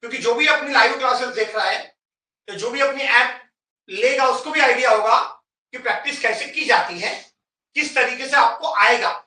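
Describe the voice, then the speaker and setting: A man's voice: very high voice, moderate pace, sharp tone. A man teaching an English lesson to a class, directing students and checking in often. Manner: instructive, repeats "ठीक है?" often, directs students. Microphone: camera at a distance. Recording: echoey room, voice from far off.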